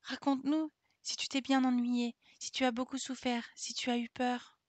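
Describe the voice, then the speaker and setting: Woman doing a curious worried little girl, storybook, asks slowly. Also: high voice, flat delivery, no echo, pitched above the performer's own voice, close to an everyday voice.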